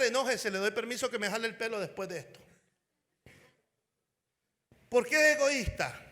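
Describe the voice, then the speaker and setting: A man preaching a fervent sermon as an evangelist at a conference, often shouting and calling out to the crowd. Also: high-pitched, big-room sound. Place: conference hall.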